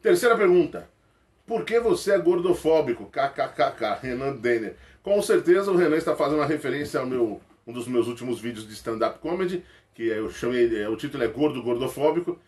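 Speaking fast at a medium pitch, this Rio de Janeiro comedian in his forties fields viewer questions straight to camera. He sits in a small indoor room with shelves of toys, close to his webcam, chatting in an animated, slangy, joking way and laughing a lot.

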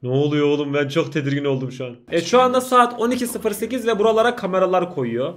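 A man's voice: on the high side, big pitch swings, fast talker, fairly bright tone, slight background noise. A man commentating casually on a video he is watching, jumpy and exclaiming at the screen. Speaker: YouTuber reacting to a video.

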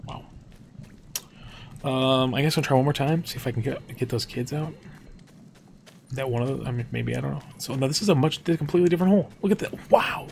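A young man commentating a game casually, thinking aloud and dropping to hushed tones when nervous. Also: mid-range voice, gravelly, a little hiss or hum. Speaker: gameplay commentator. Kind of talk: casual let's-play commentary.

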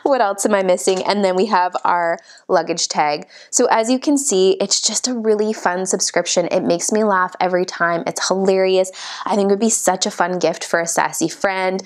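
A woman's voice: mid-range voice, normal speed. A woman chatting casually as she unboxes a subscription box, amused and laughing often as she reads out each item. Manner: amused, giggly, reads items out. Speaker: unboxing vlogger.

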